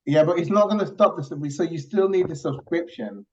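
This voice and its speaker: A man's voice: a little high, fairly quick, a little mellow. A man on a video call, steadily explaining how a product should work, step by step. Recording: dull lo-fi call audio.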